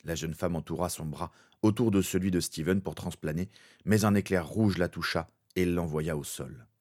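A man narrating a fan fiction story in a steady, dramatic way. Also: deep voice, moderate pace.

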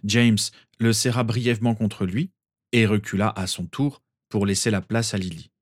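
A man narrating a story as an audiobook, measured and expressive. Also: lowish voice, no echo, clean studio sound.

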